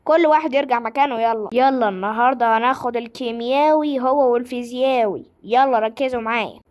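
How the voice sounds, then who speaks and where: A young woman with an Egyptian accent voicing a brisk, fussy schoolteacher in a lowered voice for a doll-game drama. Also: lightly acted. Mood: bossy. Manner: lowered, bossy classroom talk.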